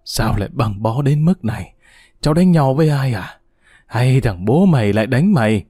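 A man's voice: mid-range voice, lively intonation, normal speed, warm tone, breathy edge, no room sound, clean studio sound. A man voicing a frail, sick old grandmother who scolds and grieves between coughs. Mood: angry.

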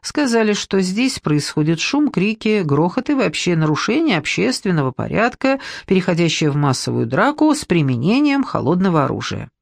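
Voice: medium pitch, sing-song, moderate pace, gravelly, hardly any pauses, no room sound, studio quality. A storyteller voicing a stern, officious police officer.

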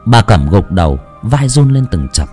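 A man's voice: fairly low pitch, moderate pace, soft background music. A man narrating a Vietnamese ghost story in a dramatic, scripted storytelling manner. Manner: lively, dramatic.

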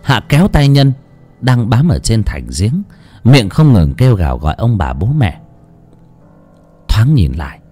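A man narrating a horror story in a dramatic, expressive reading. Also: medium pitch. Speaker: audiobook narrator. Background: soft music.

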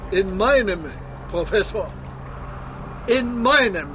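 An actor playing a proud, commanding submarine captain in a radio play, with a grandiose, measured, declamatory delivery. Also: male voice, high-pitched, expressive, background noise. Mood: proud, triumphant. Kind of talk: dramatic radio play acting. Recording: loud ambient sound effects behind the voice.

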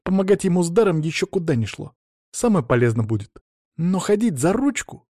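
A man's voice: high-pitched, very animated, brisk, dark tone, no echo, studio quality, pitched above the performer's own voice. A man voicing a scornful grumbling schoolgirl. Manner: grumbling, dismissive.

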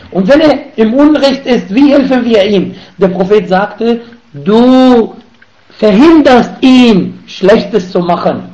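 A man's voice: high-pitched, darkish tone. A man giving a sermon lesson on hadith, speaking emphatically and rising sharply when he stresses a point. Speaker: preacher teaching hadith. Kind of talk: sermon lesson switching between Arabic reading and German explanation. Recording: echoey, dull room recording.

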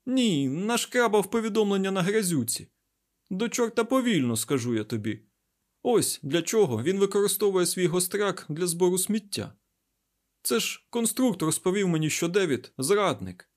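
A man voicing an agitated male scientist in an audiobook, loud and urgent. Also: high voice, big pitch swings, moderate pace, pitched above the performer's own voice. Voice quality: loud, raised, breathless urgency. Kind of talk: audiobook character voice.

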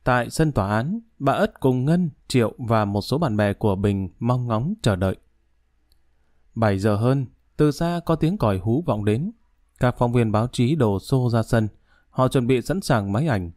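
A man narrating a story audiobook in a steady, measured way. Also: medium pitch, no echo, studio quality.

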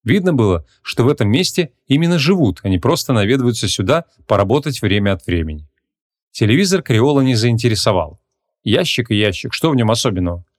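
A man reading a humorous fantasy audiobook as narrator, measured and even. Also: mid-range voice. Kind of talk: scripted narration.

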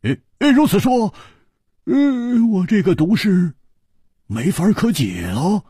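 A man voicing a boisterous, reckless swordsman in a radio storytelling broadcast, with a husky voice and a loud, high-strung manner. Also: sing-song, takes it slowly, no room sound, clean studio sound, full character voice.

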